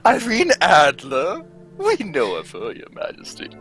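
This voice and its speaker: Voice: medium pitch, huge pitch swings, measured pace, fairly bright tone, soft background music. A performer playing Doctor Watson as an amiable, curious, easily astonished male companion in a theatrical radio play reading. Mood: amiable, eager. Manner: theatrical, exclamatory, questioning. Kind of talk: live radio play reading, old-time radio acting.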